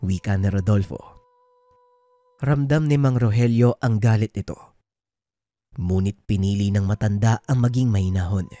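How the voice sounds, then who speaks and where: A man tells a true horror story in steady, scripted narration. His voice sits low, and the recording is dry and close, with no room echo. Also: normal speed, long pauses.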